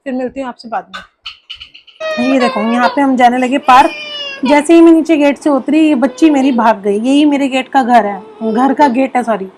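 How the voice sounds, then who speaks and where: Chatty high-voiced mother vlogging. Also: normal speed, darkish tone, slight background noise. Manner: chatty, homely, full of fillers like "theek hai". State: recovering from a sore throat. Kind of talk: casual family vlog narration.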